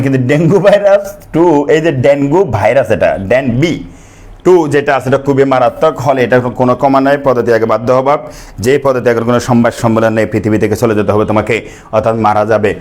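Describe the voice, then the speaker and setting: Male teacher, playful lecture, quizzes his students, mid pitch, easygoing joker. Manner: joking, chatty, asks students to repeat after him. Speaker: biology teacher.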